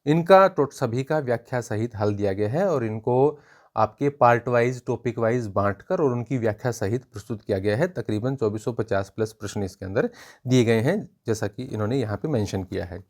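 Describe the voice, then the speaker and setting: Speaking briskly at a medium pitch, a man gives a casual, instructive review of an exam-prep book. He goes through it point by point and frequently repeats himself.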